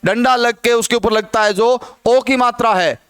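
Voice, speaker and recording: A man's voice: very high voice, moderate pace, a bit bright, smooth. A man teaching a Hindi grammar lesson, who asks the class questions and answers them himself.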